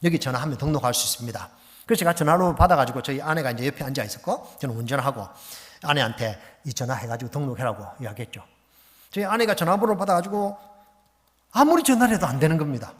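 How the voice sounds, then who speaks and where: A middle-aged man, a missionary preacher, telling a lively story in a sermon and acting out the phone calls. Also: a little high. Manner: animated, acts out phone calls and exclamations. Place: church sanctuary. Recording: long reverb of a church hall.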